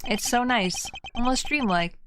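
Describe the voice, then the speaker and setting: Woman voicing a weary, deadpan noir-detective prosecutor. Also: fairly high pitch, unhurried, slight background noise. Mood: weary, reflective. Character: weary, formal, dryly sardonic male prosecutor, noir-detective narration. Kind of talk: reading game dialogue aloud in character.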